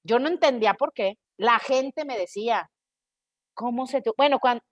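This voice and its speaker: A Mexican woman with a Mexican Spanish accent shares a personal story in a relaxed podcast monologue. She is animated and expressive and often acts out her own thoughts in quoted voices. Her voice sits a little high, and the recording is dry and close. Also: moderate pace, dry recording, highs cut off. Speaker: podcast host.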